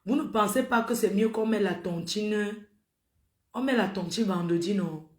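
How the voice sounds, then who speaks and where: A woman's voice: mid-range voice, moderate pace. A middle-aged woman, hosting a casual livestream and scolding her viewers in an exclamatory way. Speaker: livestream host. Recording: roomy echo.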